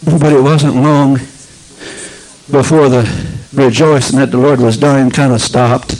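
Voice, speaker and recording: A man preaching a sermon, swinging between low storytelling and shouted proclamation and asking the congregation whether they understand. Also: fairly even intonation, a little slow, low-quality recording. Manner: asks the congregation for agreement.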